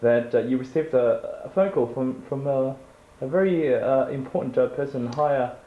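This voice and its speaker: A man's voice: medium pitch, moderate pace. A man asking long-winded, mock-formal questions in an improvised comedy interview. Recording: roomy and dull.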